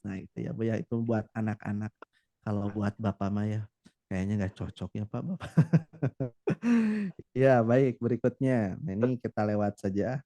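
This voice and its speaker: A man's voice: on the low side, steady tone, moderate pace, long pauses, dark tone. A man teaching a Quran recitation class in a chatty way, often turning to address his students directly. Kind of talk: teaching a class, with sung demonstrations.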